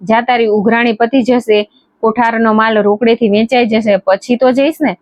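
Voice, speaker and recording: A woman voicing a kindly goddess mother in a devotional storybook tale, speaking slowly and soothingly. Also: fairly high pitch, steady tone, a little mellow, no room sound, natural voice. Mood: reassuring.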